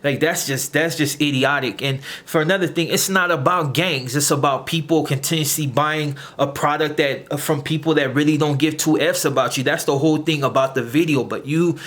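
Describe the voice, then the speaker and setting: Fairly quick and with few pauses, this man's slightly high, somewhat bright voice carries a rant he aims straight at the camera on his own channel. He lectures his critics confrontationally, frequently tripping over and repeating words as he searches.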